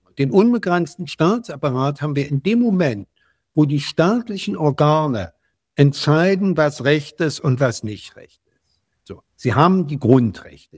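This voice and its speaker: An older man from West Berlin gives a long interview answer in a slightly raised voice. He speaks in a measured way, repeating words while he searches for them. The sound is dry and close, with no room echo. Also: on the high side, darkish tone. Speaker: guest.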